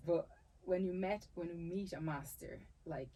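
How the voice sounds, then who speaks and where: This is a Brazilian woman from Salvador, Bahia, a native Portuguese speaker with a Brazilian accent, talking in a fairly low, mellow voice a little on the slow side. She is a dancer and capoeira teacher giving a conversational interview. Thoughtful, she often restarts her phrases and laughs easily.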